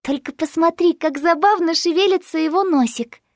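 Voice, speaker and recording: A woman voicing an enthusiastic young girl who loves animals, speaking in a high, sing-song, excited way. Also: normal speed, dry recording, clean studio sound. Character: enthusiastic curly-haired girl, animal lover.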